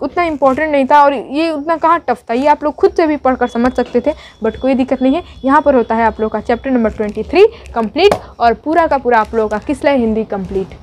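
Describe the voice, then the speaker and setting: Young female teacher, high voice; slow poem reading, casual repetitive explanation. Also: darkish tone. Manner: reads poem lines slowly, then explains them in casual Hindi; repeats phrases for emphasis. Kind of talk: explaining a poem in a video lesson.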